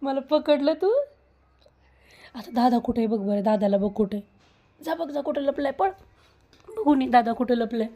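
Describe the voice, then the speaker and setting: Young mom, high bright-toned voice, playful and coaxing with little kids. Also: female voice, moderate pace, long pauses. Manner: coaxing, playful, talks sweetly to small children. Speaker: mother playing with her children. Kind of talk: casual family chat.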